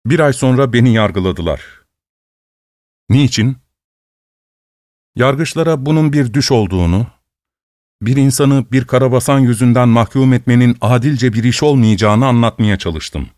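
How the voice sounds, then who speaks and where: A man narrating a story in a steady, measured reading voice. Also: mid-range voice, no echo, studio quality.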